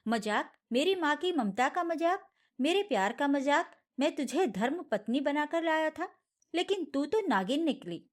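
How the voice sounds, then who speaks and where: A woman's voice: high voice, sing-song, a little slow. A woman voicing an angry, grieving young man who roars furiously and speaks through tears for his mother. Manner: furious, roaring, tearful.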